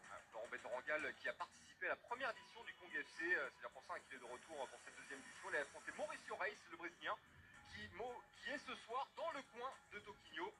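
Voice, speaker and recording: High-voiced male fight commentator over music. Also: very animated, quick pace. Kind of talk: MMA broadcast commentary, presenting fighters. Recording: music playing under the voice.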